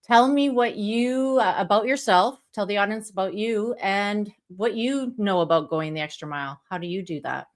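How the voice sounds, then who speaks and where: A woman's voice: mid-range voice, moderate pace, few pauses. A woman hosting a motivational live stream in a chatty, conversational style.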